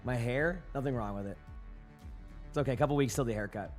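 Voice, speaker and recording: A guy streamer chats casually with his live chat at a fast clip, his medium-pitched voice hoarse. He rambles and restarts his sentences a lot, with soft music playing in the background.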